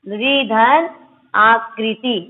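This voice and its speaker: A woman's voice: a little high, extremely slow, narrow, tinny audio. A woman teacher explaining grammar rules step by step in a classroom lesson, repeating each sound.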